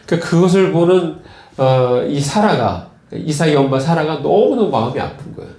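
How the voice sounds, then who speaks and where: A man preaching in a roomy, echoing church, with a slightly high voice for a man. He tells stories in a loose, conversational way, pausing on fillers and repeating key words for the congregation. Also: lively intonation, warm tone. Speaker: pastor. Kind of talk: sermon.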